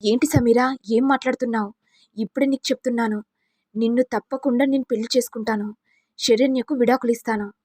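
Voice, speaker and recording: A woman's voice: a little high, steady tone, a little fast, warm tone, slightly rough, no room sound. Urgent devoted young man, voiced by a woman, raised voice, dry sound.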